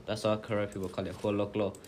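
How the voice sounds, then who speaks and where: A young man telling a family story in casual talk, halting and repeating himself. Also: lowish voice, level tone, a little mellow, slight background noise. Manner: halting, repeats words, plain speech. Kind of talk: casual classroom discussion.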